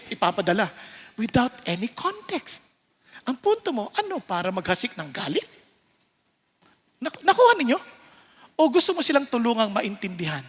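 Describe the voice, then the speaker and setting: Man, Filipino accent, pastor's sermon, high voice, very lively pitch, long hall reverb. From Philippines. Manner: emphatic preaching, often checks in with the audience.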